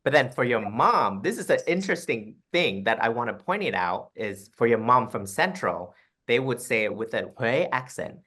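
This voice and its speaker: A man hosting a casual conversation, warm and affirming, often saying "yeah" and "mm-hmm". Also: mid-range voice, lively intonation, normal speed. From southern Vietnam. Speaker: host, fashion designer.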